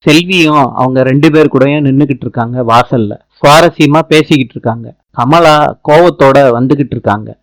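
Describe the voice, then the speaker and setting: A man's voice: medium pitch, a little fast, no echo, poor audio. Man narrating a soap recap. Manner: plain storytelling narration. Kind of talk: reading a soap episode recap.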